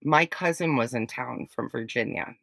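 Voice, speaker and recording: A woman in her forties telling personal stories in a casual podcast chat, blunt and animated, with some swearing. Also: extremely low pitch, normal speed, vocal fry, dry recording. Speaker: guest.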